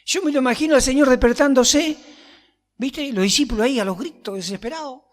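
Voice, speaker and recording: Rioplatense preacher in a reverberant church. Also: male voice, very high-pitched, fairly quick. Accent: Rioplatense Spanish. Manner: conversational storytelling with humorous asides. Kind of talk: sermon with Bible reading. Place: church hall.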